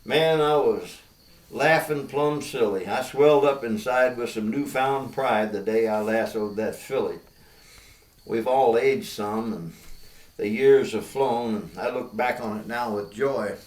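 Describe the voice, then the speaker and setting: A man's voice: mid-range voice, a little slow. Echoey older American man with cowboy twang. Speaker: cowboy poet. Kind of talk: folksy storytelling and cowboy poetry recitation. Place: inside an old log barn. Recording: roomy echo, distant microphone.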